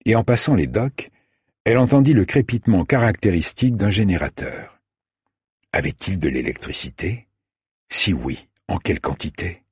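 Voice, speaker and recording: A man narrating an audiobook in a measured, even reading style. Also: low-pitched, husky, no echo, clean studio sound.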